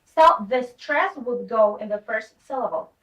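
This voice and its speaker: A woman teacher with a high, bright voice explains grammar patiently and reads each example sentence aloud. She sits a good way from the mic in an echoey room. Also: expressive, unhurried, distant mic.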